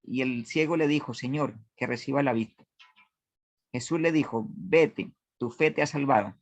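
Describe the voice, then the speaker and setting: A man's voice: mid-range voice, dry recording. A man teaching a Bible study class, reading scripture aloud, stopping to explain and to question his listeners, often restarting his sentences. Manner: halting, with many restarts.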